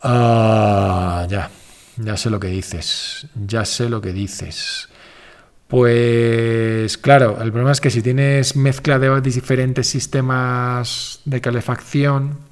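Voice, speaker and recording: A man's voice: mid-range voice, steady tone, takes it slowly. A man hosting a casual live stream, answering viewer questions in a rambling, self-correcting, informal way.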